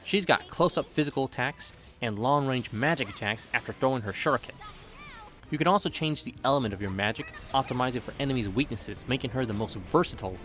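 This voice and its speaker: A man narrates a scripted video game review at a quick pace, his medium-pitched voice fairly bright. He's playful and jokey, tossing in humorous asides, with background music playing beneath him.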